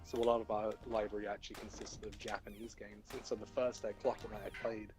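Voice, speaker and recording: A man's voice: on the low side, little pitch movement, fast, low-quality recording. A British man from the UK chatting casually on a stream, rambling a little with fillers as he shares a story. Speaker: stream co-host. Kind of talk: casual chat. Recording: loud game music behind. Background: game music.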